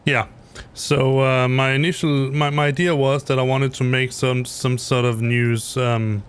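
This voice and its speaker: Here a middle-aged Danish man, accent clearly Danish, talks in a flat, unhurried way with a clean medium-pitched tone. The casual live-stream chat comes from his home basement as he flies a simulator, rambling and correcting himself amid many fillers.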